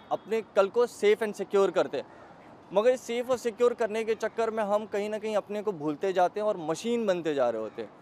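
High-voiced man reviewing a film poetically. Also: a little mellow. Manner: poetic, emotional, mixes Hindi and English. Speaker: moviegoer giving a film review. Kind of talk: street vox-pop interview. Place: outdoors on a city street. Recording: faint street noise outdoors.

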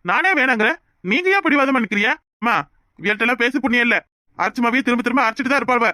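A voice actor plays a fed-up young village husband in a cartoon, speaking firmly and fast in a Kanyakumari Tamil accent. The voice is bright, and the recording is dry and close. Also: male voice, very high-pitched, no echo, exaggerated voice. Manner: firm, fed-up. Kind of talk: cartoon voice acting.

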